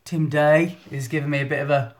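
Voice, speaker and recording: A chatty man answering viewers live into his phone, self-deprecating and quick to restart his sentences. His voice sits a little high for a man. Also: fairly even intonation. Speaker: photographer hosting a live stream. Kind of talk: live stream Q&A chat. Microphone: phone in selfie mode.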